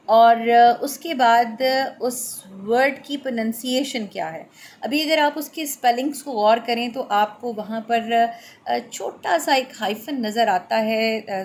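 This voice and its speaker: A middle-aged woman, explaining a lesson in a measured way, with many fillers and English terms. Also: fairly high pitch, slight background noise. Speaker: lecturer. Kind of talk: explanatory lecture.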